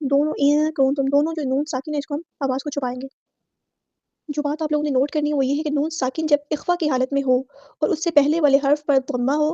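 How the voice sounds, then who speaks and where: A woman teaching Quran recitation rules. She explains each rule briskly in a methodical way, then recites the words slowly and draws out the vowels. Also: sits high, dark tone, no echo. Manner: methodical, repeating set phrases for every letter. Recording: dull lo-fi dry audio.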